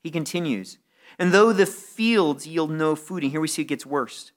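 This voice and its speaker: A man's voice: fairly high pitch, expressive, normal speed. A man preaching a sermon, earnest, often repeating a word before finding his phrase. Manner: earnest, repeats words when stuck, rises in intensity on key phrases. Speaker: pastor.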